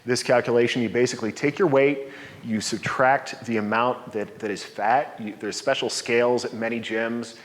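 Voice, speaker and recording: A man in his forties gives a conference talk from a podium in a dark lecture hall. His voice sits at a middle pitch, explanatory and upbeat. A long reverb trails behind every phrase, picked up by a distant podium mic. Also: steady tone, normal speed. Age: 40s. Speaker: presenter.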